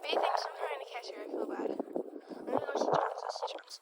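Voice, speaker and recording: A young woman casually vlogging outdoors in slangy talk, chatting to the camera and to animals, with wind on the mic. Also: quick pace. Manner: slangy, talks to horses. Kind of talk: casual rambling outdoor vlog to camera and horses. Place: outdoors in a windy horse pasture. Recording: strong wind buffeting the microphone.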